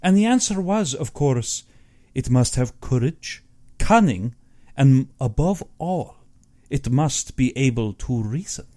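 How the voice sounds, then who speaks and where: Performing a character for an audiobook, a man plays an aging aristocratic general who hunts without mercy and delights in his own importance, sounding smug, urbane, and boastful. The delivery is animated and mellow, ranging widely in pitch, with deliberate, exact, pompous phrasing.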